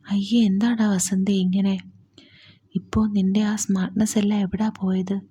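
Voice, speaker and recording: A woman whispering the part of a widowed mother who gently teases and soothes, in a whispered role-play. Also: mid-range voice, flat delivery, normal speed, slightly rough.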